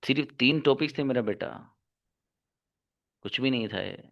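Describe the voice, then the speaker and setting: A man's voice: medium pitch, moderate pace, vocal fry. A male English teacher lecturing his class, scolding and exhorting his students to work hard. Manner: scolding, exhorting, calls students son and daughter. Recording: dull lo-fi recording.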